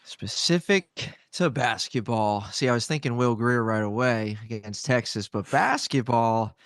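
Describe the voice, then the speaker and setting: A man appearing as a podcast guest, chatting in a friendly, relaxed way with filler words. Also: mid-range voice, measured pace, dry recording, studio quality. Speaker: podcast guest, sports YouTuber. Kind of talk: casual interview chat.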